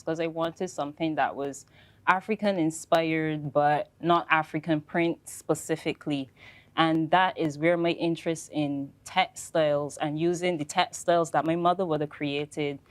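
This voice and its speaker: Young woman, low voice, measured panel speaker. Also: dry recording. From Barbados. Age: young adult. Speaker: fashion designer on a panel. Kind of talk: panel talk.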